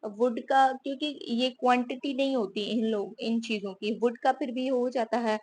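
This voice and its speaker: A Pakistani woman teaches English grammar in a casual lecture, repeatedly saying "theek hai" and checking in with rhetorical questions. Her voice is a little high and darkish, with a steady tone and moderate pace. A little hiss or hum is audible.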